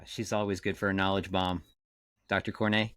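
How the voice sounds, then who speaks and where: A man's voice: sits low, little pitch movement, brisk, a bit bright. A man hosting a podcast, asking loose, rambling questions and repeating words as he goes. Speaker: podcast host. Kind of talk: scripted podcast intro, then casual interview questions.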